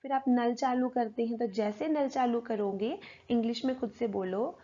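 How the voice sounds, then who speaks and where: A woman's voice: fairly high pitch, normal speed, dark tone. A woman teaching spoken English, explaining in Hindi and drilling pronunciation word by word. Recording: dull lo-fi recording.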